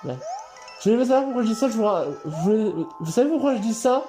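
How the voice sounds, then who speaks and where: A man doing let's play commentary, excitable, swearing and yelling at the game. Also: sits high, brisk. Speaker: gaming channel host. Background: game music.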